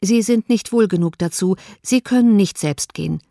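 A woman reading an audiobook, voicing a formal young gentleman who speaks with tender, earnest concern. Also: medium pitch, normal speed, gravelly, dry recording, clean studio sound, natural voice. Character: solemn, compassionate young gentleman, Mr Darcy.

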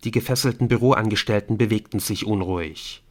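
A man narrating a thriller audiobook in a steady, measured way. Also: lowish voice. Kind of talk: scripted narration.

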